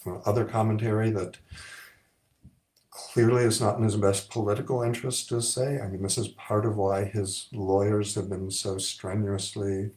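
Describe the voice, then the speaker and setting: Man, middle-aged, psychiatrist lecturing, measured, explanatory, somewhat low voice. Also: flat delivery, a little mellow. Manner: measured, explanatory, many ums. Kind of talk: lecture to camera.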